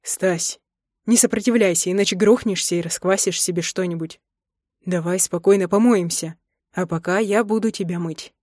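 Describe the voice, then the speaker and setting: A woman puts on a young husband's voice, steady and unruffled, teasing his upset wife. The voice sits a little low. The recording is close and dry, with no room sound. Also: normal speed, no room sound, lightly acted. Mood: coaxing. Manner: unruffled, coaxing.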